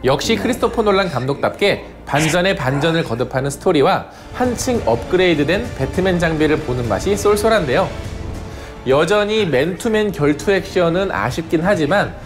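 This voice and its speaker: Higher-pitched man narrating a movie recap. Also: expressive, brisk. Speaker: film review narrator. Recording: clear background music under voice-over.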